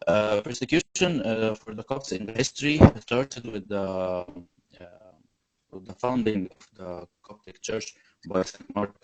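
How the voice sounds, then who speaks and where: A young man from Egypt, giving a halting webinar presentation full of fillers and restarts over a video call. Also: fairly low pitch, slight background noise, rough recording. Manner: hesitant, many fillers and restarts. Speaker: webinar panelist. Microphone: video call mic.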